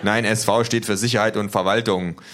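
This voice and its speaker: A man's voice: on the low side, fairly even intonation, a little fast, fairly bright tone, close to an everyday voice. A man voicing a stern, pompous middle-aged male immigration official who talks in a curt, officious manner.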